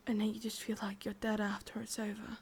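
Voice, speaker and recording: Lightly acted and completely flat, her mid-range whisper comes with a faint hiss or hum. She is an English-accented woman portraying a lovelorn ancient witch in an ASMR roleplay, speaking intimately and breathily with musing pauses, her mood musing and guarded.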